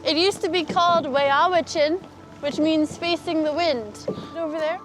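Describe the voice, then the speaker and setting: High-pitched woman tour guide talking on a canoe, friendly, music under it. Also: measured pace. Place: outdoors on a canoe.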